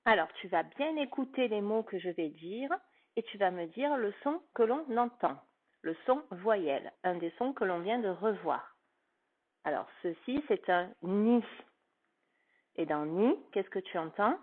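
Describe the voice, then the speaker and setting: Patient woman teacher, slow and clearly spoken, phonics lesson for a child, recorded with a thin phone-line sound. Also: medium pitch, expressive. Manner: slow, carefully articulated, patient, addressing a child.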